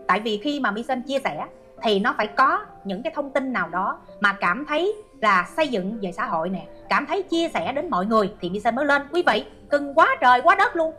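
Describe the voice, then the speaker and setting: A woman's voice: a little high, fairly bright tone. A middle-aged woman hosting an online commentary show, reading out viewer comments and scolding a hater with sarcasm.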